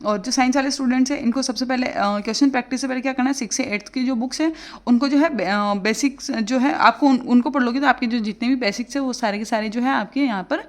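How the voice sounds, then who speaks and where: Woman tutor, fairly high voice, rapid chatty delivery. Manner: chatty, explains casually with many fillers. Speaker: exam prep tutor. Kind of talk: casual study advice for exam aspirants.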